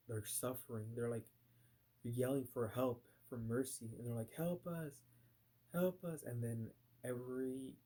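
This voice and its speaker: A vlogger recounts a nightmare in a loose, rambling way, full of fillers and false starts, now and then acting out his past reactions in bursts. His voice is medium-pitched and warm.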